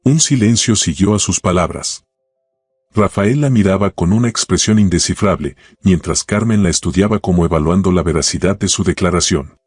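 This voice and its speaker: A man narrating a scripted romance story in a steady, even reading. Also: sits low, normal speed, breathy edge, dry recording, faint music behind.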